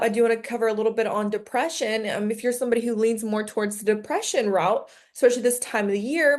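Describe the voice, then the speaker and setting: A woman co-host who explains topics in a measured, informative way with filler ums. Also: medium pitch, a little mellow. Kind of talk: casual chat.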